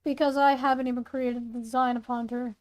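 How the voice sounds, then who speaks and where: Reading one of her own stories, a young storyteller and content creator chats, rambles, and fixes her mistakes as she goes. She speaks a little fast in a high, level, darkish voice.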